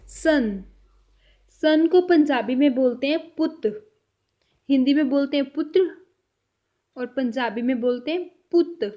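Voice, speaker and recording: A woman teaching a vocabulary lesson, slowly repeating each word with care. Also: high voice, dark tone, highs cut off. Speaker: language teacher.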